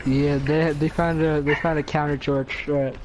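A man's voice: fairly high pitch, flat delivery, normal speed, noisy background. Laid-back young man talking strategy in-game. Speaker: gamer. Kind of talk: casual gaming chat.

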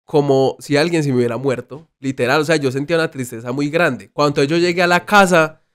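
A man's voice: a little high, brisk, smooth. A young man, telling a story in casual chat among friends on a podcast, acting out the lines he quotes. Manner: animated, acts out quoted lines. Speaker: podcast co-host.

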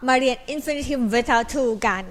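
A woman's voice: high voice, fairly even intonation, slow. A woman from Thailand explaining English grammar in a patient, step-by-step way, calling herself an older sister to her students. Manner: patient and explanatory, sings a tune as a memory aid. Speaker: English tutor. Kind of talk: Thai grammar lesson.

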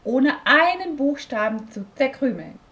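A woman voicing a small, excitable furry creature that eats books, talking with a lisp in a read-aloud story. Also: high-pitched, unhurried, dull audio, pitched above the performer's own voice. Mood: chatty. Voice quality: lisping. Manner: relishing, playful word-savoring. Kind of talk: storybook reading.

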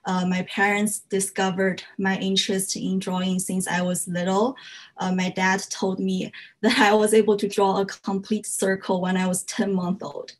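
A woman's voice: medium pitch, level tone, normal speed. A young woman from China, speaking English as a second language, gives an earnest slide talk about her work as a fiber artist, with frequent "uh" fillers. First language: Chinese. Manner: earnest, frequent "uh" fillers, slightly non-native grammar.

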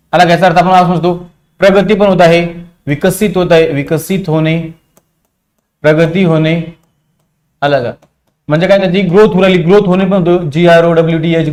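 His voice is high and a little mellow. The man, a teacher with a Marathi accent, leads an exam-prep vocabulary class in a repetitive style, drilling meanings and asking the class questions.

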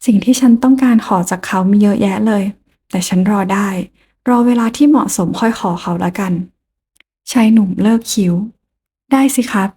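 A woman narrating a romance audio novel in the first person, calm and unhurried. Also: medium pitch, husky. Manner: calm, soft, unhurried storytelling.

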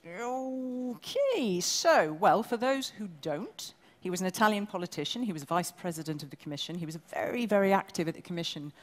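A woman from England presenting an awards ceremony on stage, brisk, bossy and joking with the audience. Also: fairly low pitch. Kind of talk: live stage hosting. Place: large event hall. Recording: long hall reverb.

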